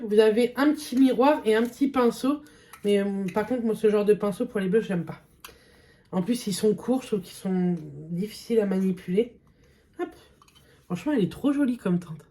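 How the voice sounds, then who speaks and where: A woman's voice: medium pitch, mellow. A young woman vlogger chatting casually through a makeup test, hesitant and full of fillers. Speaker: beauty vlogger. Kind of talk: casual makeup vlog chat.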